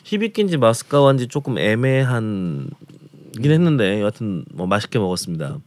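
Lively-voiced man recounting a food trip. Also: on the low side, brisk, no echo. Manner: detailed, descriptive storytelling about restaurants. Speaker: food travel segment presenter. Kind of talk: casual radio talk show chat.

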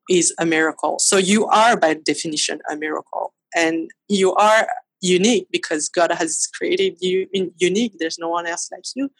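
A woman with a French accent, a photographer speaking earnestly in a podcast interview, pausing and restarting as she thinks. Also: lowish voice, no echo, poor audio. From France. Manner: earnest, reflective, with pauses and restarts. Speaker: guest photographer.

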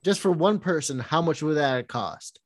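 A man's voice: fairly high pitch, lively intonation, moderate pace. A man co-hosting a podcast, dropping dry wisecracks into casual chat. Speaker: podcast co-host.

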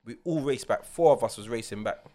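A man's voice: medium pitch, a little fast, dark tone. A man with a London urban roadman accent, telling stories casually on a podcast with emphatic street slang. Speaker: podcast co-host. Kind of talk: casual anecdotal chat.

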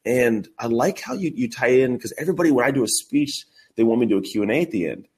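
Hosting a podcast conversation in a casual interview style, a young adult man from the Bay Area, USA, speaks fast and animatedly in a mid-range voice. He comes across as enthusiastic and slangy, using lots of fillers.

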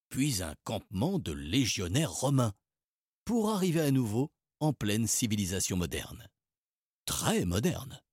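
A man narrating a children's storybook in a lively, expressive way. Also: medium pitch, breathy edge, dry recording, studio quality. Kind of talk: storybook reading.

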